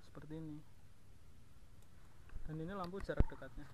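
A motovlog host gives a casual walkaround of his motorbike in a house yard, chatting to viewers in an informal, colloquial way. His voice is on the high side with fairly even intonation at normal speed, captured on an outdoor action camera with clear background noise.

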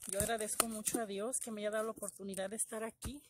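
A middle-aged woman, talking excitedly to viewers in a casual unboxing video, her voice trembling with emotion. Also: medium pitch, fast talker, noisy background. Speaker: gardening vlogger.

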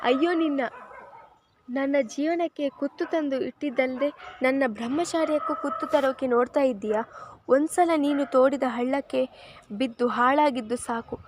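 A woman's voice: high voice, moderate pace, slight background noise, natural voice. A woman voicing a short-tempered young husband who snaps and scolds in a storybook reading. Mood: irritated. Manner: gruff, snapping.

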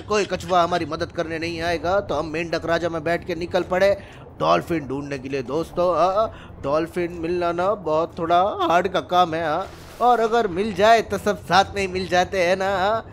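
A male gaming YouTuber giving playful, excitable let's-play commentary and chattering to the animals in his game. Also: sits high.

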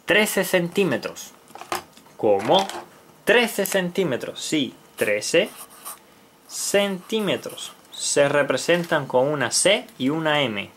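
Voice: mid-range voice, fairly bright tone, slight background noise. A teacher giving a math lesson to young children, patiently repeating key words and counting aloud while writing.

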